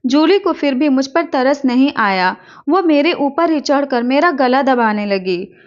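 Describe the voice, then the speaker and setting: Brief: young woman narrator, high voice, playful teasing tone, dull lo-fi recording. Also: animated, measured pace. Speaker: storyteller. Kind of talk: first-person story narration.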